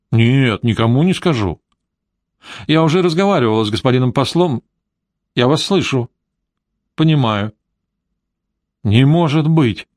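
Чтец изображает эмоциональную взрослую женщину, резкие восклицания, живая интонация. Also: male voice, mid-range voice, dry recording, studio quality, natural voice. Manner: bold, exclamatory. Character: lively chatty woman Rimma, adult.

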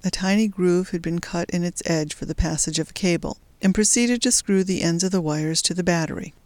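A narrator reading a story aloud at a steady, even storytelling pace. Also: mid-range voice, fairly quick, dry recording. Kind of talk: audiobook narration.

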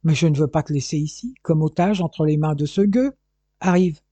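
A man reading a gruff, growling father. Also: on the high side, moderate pace, dark tone, no echo, natural voice. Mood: furious. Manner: gruff, growling, pleading at times. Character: gruff angry father, a diamond merchant.

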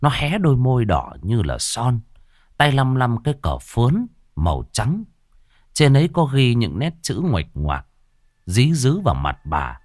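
A man's voice: mid-range voice, wildly swooping pitch, a little slow, darkish tone, no room sound, clean studio sound. A man narrating a horror tale in a vivid, dramatic storytelling style.

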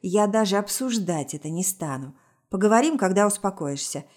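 A woman reading a story aloud, voicing a weary, exasperated young man in a quarrel with a lowered voice. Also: expressive, normal speed, a little mellow, lightly acted.

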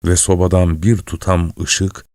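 A man reading a literary story aloud in a calm, measured way. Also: sits low, no echo, clean studio sound. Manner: calm, measured, soft-spoken.

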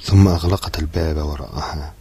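A man narrating a literary novel as an audiobook in a measured, steady storytelling manner. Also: extremely low pitch, breathy edge.

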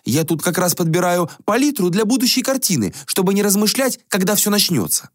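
A man's voice: high-pitched, very animated, brisk, no room sound, studio quality, pitched above the performer's own voice. A man voicing a vain young prince and painter who is flippant, affected and rude. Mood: mocking. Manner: mocking, dismissive, affected.

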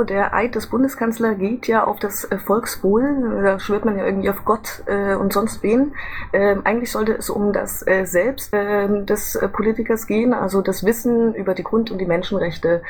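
A woman's voice: medium pitch, a little hiss or hum. A woman on a discussion panel, answering in a hesitant way with many fillers and academic wording. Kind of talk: spontaneous debate answer.

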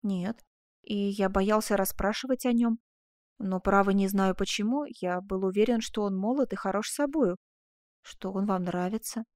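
A woman's voice: medium pitch, normal speed, a little mellow, no echo, clean studio sound, close to an everyday voice. A woman reading an audiobook, voicing a shy young man in love who speaks with hesitant, earnest declarations.

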